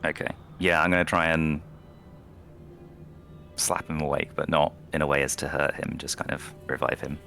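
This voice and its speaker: A male tabletop player with an extremely deep, gravelly voice that still sounds bright and forceful. He speaks in a relaxed, rambling way, both in character and out. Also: moderate pace, pauses often, faint music behind. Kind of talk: tabletop role-play.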